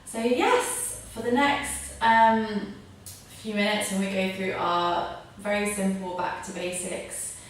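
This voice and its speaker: A woman teaching a yoga breathing tutorial, giving informal step-by-step spoken instructions. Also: mid-range voice. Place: echoey room, mic at a distance. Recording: very echoey room, distant mic, faint noise.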